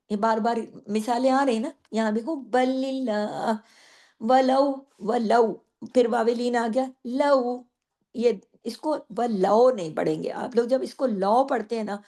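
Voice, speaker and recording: A middle-aged woman with a fairly high voice teaches recitation rules in a patient, explaining tone. She stops often to recite short phrases slowly, stretching the sounds out. Her lesson moves steadily, one rule at a time. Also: warm tone. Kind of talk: tajweed lesson.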